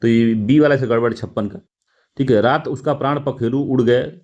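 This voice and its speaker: A man's voice: medium pitch, normal speed, a little mellow. Man explaining test answers, muffled audio. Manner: repeats words, self-corrects, frequent "theek hai" fillers. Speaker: exam prep teacher.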